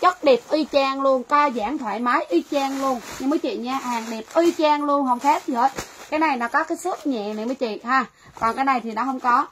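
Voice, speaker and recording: A woman's voice: high voice, low-quality recording. A woman running a livestream sale, talking chattily to viewers and repeating phrases, with faint noise behind her. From Vietnam. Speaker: livestream seller. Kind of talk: livestream sales pitch.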